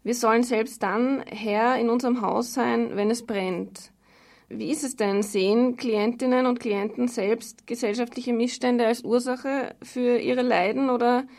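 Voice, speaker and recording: A woman interviewer, asking measured, articulate questions on the radio. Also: a little high, fairly even intonation, a little mellow.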